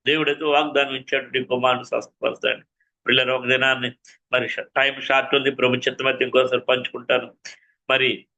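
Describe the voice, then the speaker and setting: A man's voice: mid-range voice, pushed and bright, highs cut off. A man preaching his own testimony in a fervent, repetitive style, often calling out to his listeners. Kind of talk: testimony sermon.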